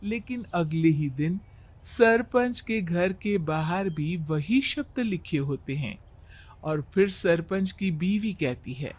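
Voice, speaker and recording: A man's voice: sits high, animated, takes it slowly. A man narrating a scripted moral story.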